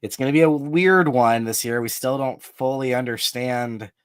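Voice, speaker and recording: A man's voice: medium pitch, moderate pace, clear, resonant tone, no room sound. A man hosting a casual sports podcast, chatty and self-deprecating, who also breaks into subscription plugs. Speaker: podcast host.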